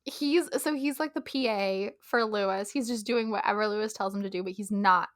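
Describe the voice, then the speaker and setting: A woman's voice: medium pitch, normal speed, no echo, clean studio sound. A young woman co-hosting a podcast in casual chat, talkative and laughing often, trailing off with ums. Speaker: podcast co-host.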